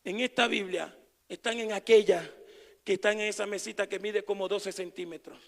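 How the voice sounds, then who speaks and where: High gravelly shouting preacher man. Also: fairly even intonation, normal speed, long reverb tail. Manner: swings between shouted proclamation and low quiet asides. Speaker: pastor. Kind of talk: evangelical sermon.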